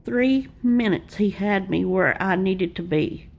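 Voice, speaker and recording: A woman's voice: mid-range voice, takes it slowly, creaky, darkish tone. An older woman, giving a homespun devotional sermon and telling personal stories in an earnest way. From Arkansas, US. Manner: earnest, homespun storytelling with repeated refrains. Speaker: Bible teacher.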